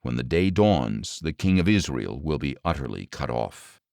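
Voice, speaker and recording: A man narrating an audio Bible in a measured, solemn scripted reading, his lines falling at the ends. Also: extremely low pitch, big pitch swings, vocal fry, a little mellow, no room sound, clean studio sound. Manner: measured, solemn delivery with falling line endings.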